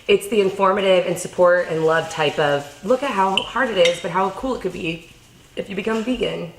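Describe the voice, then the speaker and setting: A woman's voice: medium pitch, brisk, echoey room, background noise. A young woman chatting casually at home while eating, rambling and self-deprecating with lots of fillers. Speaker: vlogger. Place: home kitchen.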